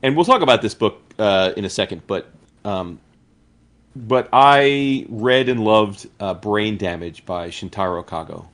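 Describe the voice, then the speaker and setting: A man's voice: on the low side, a little slow, a bit bright. A man co-hosting a comics podcast, rambling and restarting his sentences in casual chat, with the odd swear. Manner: rambling, self-interrupting, swears. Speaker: podcast co-host.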